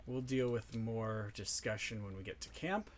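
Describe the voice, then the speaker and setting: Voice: medium pitch, moderate pace, a little hiss or hum. A player doing in-character video game commentary, playfully talking back to the characters.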